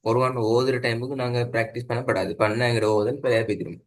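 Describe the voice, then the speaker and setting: A man's voice: mid-range voice, fast. A man teaching Quran recitation in a one-on-one online lesson, patiently repeating points and checking understanding. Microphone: video call.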